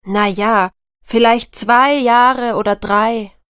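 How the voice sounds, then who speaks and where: A woman's voice: fairly high pitch, steady tone, fairly bright tone, no echo. An actress playing a woman selling a washing machine in a scripted textbook dialogue recorded in a studio. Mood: persuasive selling. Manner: slow, clear speech. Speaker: seller.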